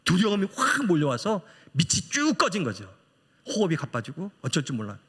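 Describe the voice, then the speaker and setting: Middle-aged man preaching with a lively, widely swinging pitch that sits a little high, his voice ringing with a long church-hall reverb. He tells his story animatedly, acting out the voices of the people in it. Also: a little fast, slightly rough. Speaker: missionary preacher. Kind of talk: storytelling sermon. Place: church sanctuary.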